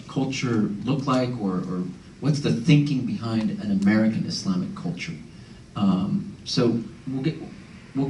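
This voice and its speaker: A man steers a panel discussion in a mellow, relaxed voice, politely passing the floor and often repeating words as he restarts his sentences. He is picked up from a distance in a hall with plenty of echo. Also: mid-range voice. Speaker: moderator. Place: large meeting room indoors. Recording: roomy hall, distant mic, faint hiss.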